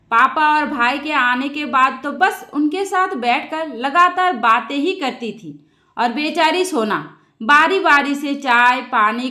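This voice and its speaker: A woman storyteller narrating a family drama in a steady, sympathetic way. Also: high-pitched, reverberant. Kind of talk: scripted narration.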